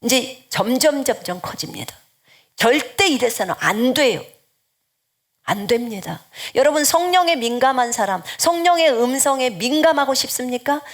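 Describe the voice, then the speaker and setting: A woman's voice: high-pitched, animated, normal speed. A woman missionary preaching an earnest sermon, exhorting her listeners and often dropping into a whisper.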